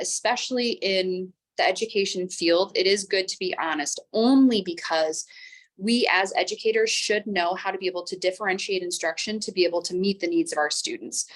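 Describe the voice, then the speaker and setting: Young woman, twenties, teacher, interview guest, calm even-toned voice, steady measured delivery. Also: medium pitch. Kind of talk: interview conversation.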